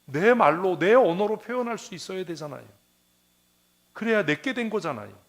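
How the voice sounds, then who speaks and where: A male pastor preaching a sermon in a church, asking the congregation questions and answering them himself, repeating phrases for emphasis. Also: fairly high pitch.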